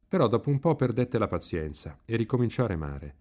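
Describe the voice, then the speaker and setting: A man reading a novel aloud in an expressive, lively literary narration. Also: on the low side, fairly quick. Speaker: reader.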